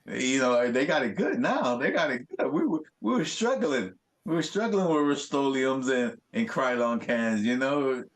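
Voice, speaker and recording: A man, a graffiti artist, telling stories in a casual interview, animated and full of swearing and street slang. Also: medium pitch, moderate pace, few pauses.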